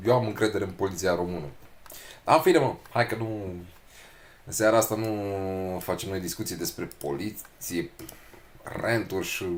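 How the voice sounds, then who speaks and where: A young man giving lively gameplay commentary, ranting and cursing casually. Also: medium pitch. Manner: animated, swears, rants. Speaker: streamer.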